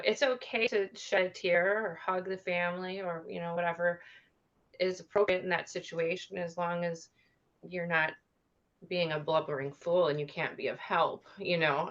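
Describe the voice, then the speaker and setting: A woman hosting a casual discussion as a nurse, speaking in halting phrases on slightly muffled audio. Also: low voice, vocal fry, a bit bright. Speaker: discussion host and hospice nurse.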